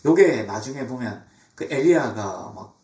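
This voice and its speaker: A middle-aged man preaching a sermon as pastor, animated, now and then mimicking mocking tones. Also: mid-range voice, a little slow. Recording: echoey church from far off.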